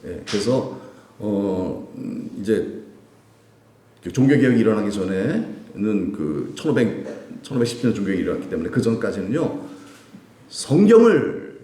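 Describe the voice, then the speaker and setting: A man's voice: on the low side, big pitch swings, normal speed, warm tone. A male pastor preaching a sermon, asking the congregation questions and acting out the people he quotes. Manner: call-and-response preaching, acting out quoted voices. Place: church sanctuary. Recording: echoey church room.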